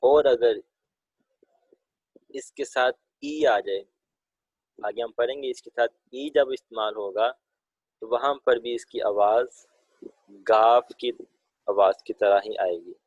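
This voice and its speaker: A man's voice: mid-range voice, fairly even intonation, long pauses, husky, no echo, dull audio. A man teaching a pronunciation lesson, who patiently drills sounds one by one and has his students repeat them aloud. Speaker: Chinese language teacher.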